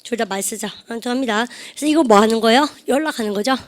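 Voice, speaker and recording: A woman teaching English in a classroom who drills phrases and has students repeat them. She says her model sentences slowly and draws them out. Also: fairly high pitch. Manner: slow, drawn-out model sentences. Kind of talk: classroom lecture.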